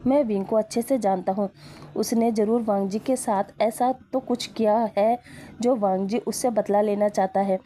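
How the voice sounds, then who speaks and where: A woman voicing a calm young male friend who asks questions. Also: medium pitch, normal speed, lightly acted. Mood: doubtful.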